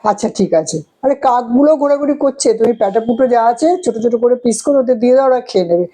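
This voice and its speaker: A woman vlogger acting out her busy morning, talking briskly, bargaining and chiding her pets fondly. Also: on the high side, warm tone, rough recording. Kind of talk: acted everyday role-play skit.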